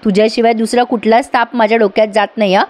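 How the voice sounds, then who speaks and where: A woman's voice: on the high side, steady tone, fast talker, darkish tone, natural voice. A woman voicing an irritated husband who bickers with his wife. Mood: bickering. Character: married man, quick-tempered, teasing husband.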